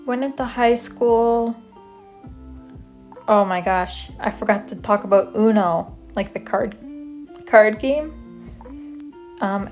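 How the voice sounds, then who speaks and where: A soft-spoken young woman from Canada, casually telling stories about her school years in a rambling, self-deprecating way while she draws, with light music playing behind her. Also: medium pitch. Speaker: vlogger. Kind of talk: casual storytelling over drawing.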